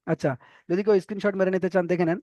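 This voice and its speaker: A man teaching an online reading class, slowly drilling letter sounds and repeating syllables for his students. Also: sits high, steady tone, dark tone, no echo. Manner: slow, repetitive drilling of syllables with pauses.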